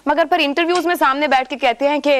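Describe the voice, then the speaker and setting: Woman hosting political talk, high voice, keeps pushing her guests. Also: fairly even intonation, quick pace. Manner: pointed, pressing questions. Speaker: talk show host. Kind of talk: political talk show moderation.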